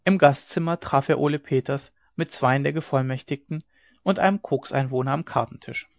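A man reading a classic novel aloud as an audiobook narrator in a steady storytelling manner. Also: mid-range voice, normal speed, vocal fry, no echo. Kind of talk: scripted narration. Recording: dry, dull lo-fi recording.

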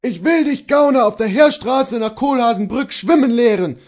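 A man shouting as a raging castle steward. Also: normal speed. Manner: shouting, high and strained. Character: furious bellowing male castle steward.

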